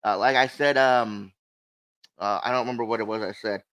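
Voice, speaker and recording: A man's voice: fairly low pitch, steady tone, a little fast, fairly bright tone. A man co-hosting a livestream in casual, sweary chat, talking with a swollen lip. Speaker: co-host of a cigar show.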